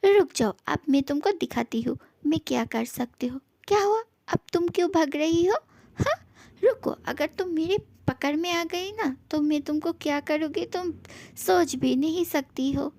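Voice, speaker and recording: A devoted young husband, voiced by a woman in a homemade fan audio drama. The voice sits high for a man and sounds dry and close to the mic. He pleads softly and then turns to playful, mock-angry threats. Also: moderate pace, dry recording.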